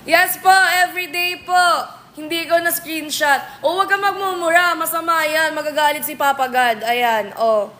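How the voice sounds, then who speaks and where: A woman's voice: high voice, moderate pace, fairly bright tone, a little hiss or hum. A woman hosting a casual live stream, answering viewer comments with playful, teasing comebacks. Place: billiards venue.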